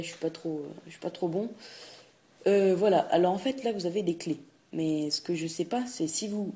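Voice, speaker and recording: Man, casual tutorial talk, hesitant with fillers, mellow dark voice. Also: a little high. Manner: hesitant, many fillers and restarts; says "tac" at each click. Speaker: video game tutorial host. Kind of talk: casual screen-recording tutorial.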